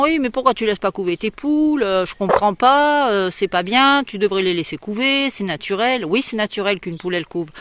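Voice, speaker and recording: A French woman, a poultry breeder, talking casually into her handheld phone as she walks around outdoors and explains things. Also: medium pitch. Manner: chatty, explanatory, with many fillers. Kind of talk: casual walk-through video. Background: hens clucking.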